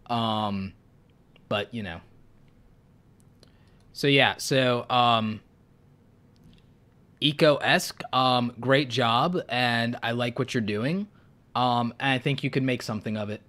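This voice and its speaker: Sick and losing his voice, a man hosts a YouTube live stream answering questions and reviewing channels. He talks slowly with frequent pauses in a medium-pitched, bright, forceful voice, giving candid advice and saying um a lot as he thinks aloud.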